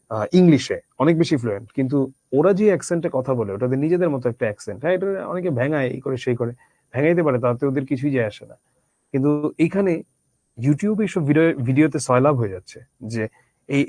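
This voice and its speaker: A man gives a Bangla literature lecture in a conversational way, posing rhetorical questions to his students. His voice sits on the high side with a darkish tone and no echo.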